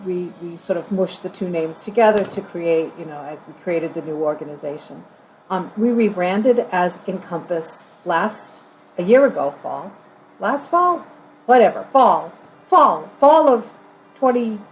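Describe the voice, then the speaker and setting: Low-pitched woman, halting corporate training video talk. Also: lively intonation, a little hiss or hum, low-quality recording. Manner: halting and conversational, repeats phrases for emphasis. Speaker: organization leader addressing new employees.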